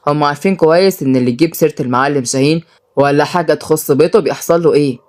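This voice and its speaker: A woman voicing a gruff, threatening young male neighborhood boss with an Egyptian accent. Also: sits low, racing, darkish tone, voice pushed down, lightly acted. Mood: stern. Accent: Egyptian Arabic. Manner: threatening, curt, commanding.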